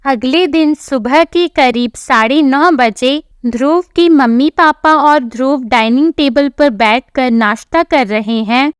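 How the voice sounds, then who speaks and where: A woman with a high voice tells a household tale in a slow, measured read. The sound is close and very dry. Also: clear, resonant tone, no echo. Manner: even, storytelling. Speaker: narrator. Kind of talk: scripted storybook narration.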